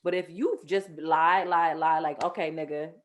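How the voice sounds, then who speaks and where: A woman's voice: lowish voice, fairly even intonation, measured pace, dull audio. Blunt, skeptical woman on a podcast. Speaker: podcast co-host. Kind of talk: casual chat.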